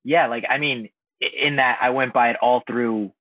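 A man from Indiana chatting casually as a podcast host, halting with many fillers and restarts. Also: mid-range voice, fairly even intonation, no echo. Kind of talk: casual chat. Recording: dry, phone-like, husky sound.

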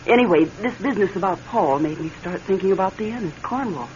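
This woman's mid-range voice is natural, expressive and fast as she plays an anxious, loving wife in a classic radio drama, a woman haunted by her dead husband. She comes across as hesitant and emotional, both confessing and evasive. The sound is that of a dull, hissy old radio recording.

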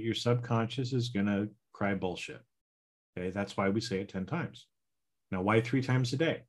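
A man hosting a podcast, teaching a gratitude exercise in a casual, drawn-out way, tagging lines with "right?" and "okay?". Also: fairly low pitch. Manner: slow, drawn-out, frequent "right?" and "okay?" tags. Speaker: podcast host and healing coach.

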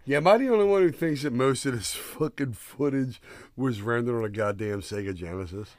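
A man's voice: mid-range voice, a little fast, a little mellow, no echo, clean studio sound. A man chatting casually as a co-host of a film review, with crude, opinionated, joking talk. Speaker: podcast co-host.

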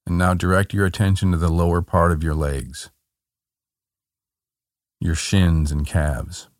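A man guiding a body-scan relaxation in a calm, meditative tone, gently giving short soothing instructions. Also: deep voice, a little slow, no echo, studio quality. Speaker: meditation guide.

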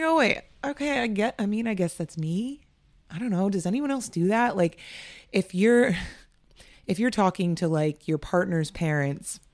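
A woman's voice: lowish voice, darkish tone, no room sound. A young woman hosting a casual solo podcast, chatty and candid, often laughing and swearing. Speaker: podcast host.

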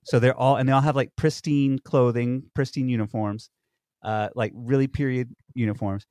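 A man's voice: mid-range voice, steady tone, normal speed, darkish tone, no room sound, studio quality. A man co-hosting a podcast, telling stories in rambling casual chat full of fillers and restarts. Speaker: podcast co-host. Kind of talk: casual conversation.

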